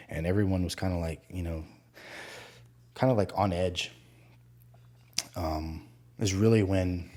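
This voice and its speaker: A low-pitched man with a husky, slightly rough voice, talking casually on his own podcast. He tells his story candidly, swearing freely and circling back with fillers as he reflects. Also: a little mellow. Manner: candid, profane, self-reflective with frequent fillers. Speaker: podcast host.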